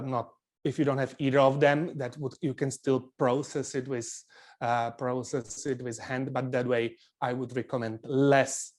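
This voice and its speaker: A man's voice: mid-range voice, darkish tone. A man from the Czech Republic with a Czech accent, a chef instructor presenting a live cooking webinar in earnest, loosely phrased non-native English with frequent restarts.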